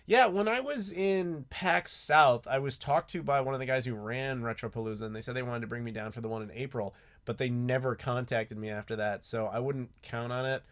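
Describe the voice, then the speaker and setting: Answering live chat on YouTube, a US-born American man talks casually, stumbling through ums and restarts. His medium-pitched, fairly bright voice moves along quickly with few pauses, recorded on a desk mic beside a clattering mechanical keyboard.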